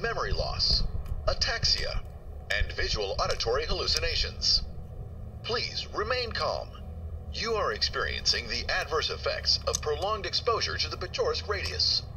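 An actor voicing a calm, reassuring male emergency guidance recording in a game, heard through an in-game radio. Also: a little high, normal speed, full character voice. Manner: even, reassuring announcer reading instructions. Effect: played through an in-game radio. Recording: distant radio playback with noise.

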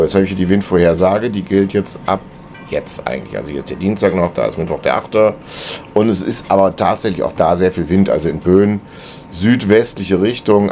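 Talking over screen maps, a middle-aged sailing vlogger explains his route planning casually and colloquially, dropping in plenty of filler sounds. His voice is low and a little mellow. He's in the cabin of a sailboat at anchor with wind outside, and there's a little hiss or hum.

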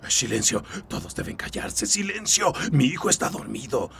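An actor dubbing a grief-stricken, unhinged father in a TV drama, pleading in a gravelly voice and repeating denials. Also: fairly high pitch, expressive, measured pace, slight background noise. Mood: hushing. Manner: repeats denials, slides into a sobbing lullaby. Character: grief-stricken father, unhinged, denying his son's killing. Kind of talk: dubbed TV drama.

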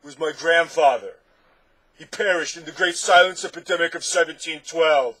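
A man's voice: on the high side, measured pace, husky, no echo, voice pushed up, poor audio. A man voicing an over-emotional smog creature in a storybook, roaring and bellowing, easily tipped into hysterics. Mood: anguished. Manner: roaring, laughing, easily upset.

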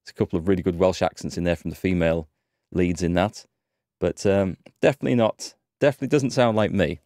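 A thirtysomething English man with a North Yorkshire accent, a gaming streamer nursing a slight cold, chats casually and thinks aloud into a headset mic while playing. His voice sits low and a little mellow, and he talks fast. The recording is dry and studio quality, made indoors in his home streaming room.

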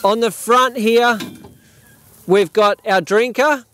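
An Australian farmer in his thirties talks a tour group through his gear in an open paddock, his voice sitting high for a man. He explains things eagerly, stumbling and restarting now and then. The sound comes from a camera set back from him outdoors. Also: steady tone, slow, a bit bright, slight background noise. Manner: enthusiastic, explanatory, with fillers and restarts. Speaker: farm owner giving a tour. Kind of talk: outdoor demonstration talk. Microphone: camera at a distance.

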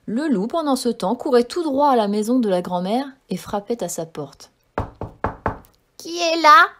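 A woman reads a classic fairy tale aloud in a clear, gentle storytelling style. Her voice sits slightly high for a woman. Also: lively intonation, moderate pace, background noise. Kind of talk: scripted fairy-tale narration.

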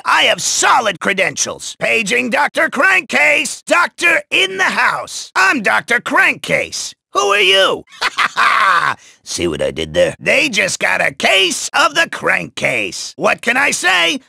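Raspy, zany cartoon villain doctor. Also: male voice, very high voice, wildly swooping pitch, slow pace, bright, forceful tone, no room sound, studio quality, heavily acted. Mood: boastful. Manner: chatty, wisecracking, theatrical, swinging between exclamations and muttered asides. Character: zany, chummy goblin-like mad doctor villain, gleefully wicked. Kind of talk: exaggerated cartoon game voice acting.

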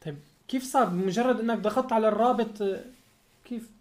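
A man with a Syrian accent speaks quickly, soothing a friend over the phone and repeating his reassurances. He sounds like a YouTuber comforting a fellow creator. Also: sits high. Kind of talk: phone call.

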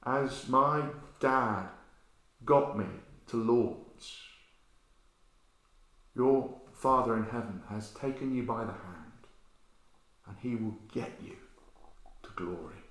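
A man in his fifties preaching a sermon, animated storytelling that swings between loud and hushed, recorded indoors in a bare room by a camera at medium distance. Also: mid-range voice, slow pace, pauses often. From England. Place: bare-walled room indoors, with a sign language interpreter beside him. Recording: very echoey room.

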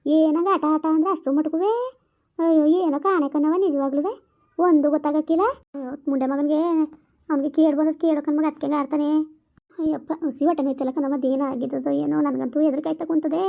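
A fretful middle-aged village mother, played by a woman, pours out her woes fast and high. Her wailing lament stays pitched up and flat. It comes through dull, lo-fi sound. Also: vocal fry. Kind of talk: village comedy skit.

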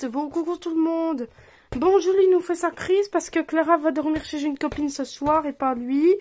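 A woman's voice: high voice, moderate pace, darkish tone. A woman in her thirties, a mother at home filming her children and scolding her son in a firm parental tone. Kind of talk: casual family vlog. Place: family home indoors.

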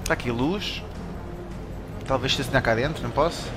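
A man with a European Portuguese accent giving excitable commentary while playing a game, yelping and shouting at scares. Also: medium pitch, fairly quick. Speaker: let's play gamer. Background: game music.

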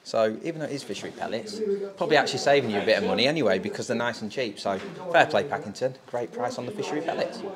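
A man's voice: medium pitch, lively intonation, very fast, crowd noise. A man presenting a casual fishing vlog outdoors, talking viewers through the venue with chatty enthusiasm. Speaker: fishing vlogger. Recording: outdoor recording with clear background noise.

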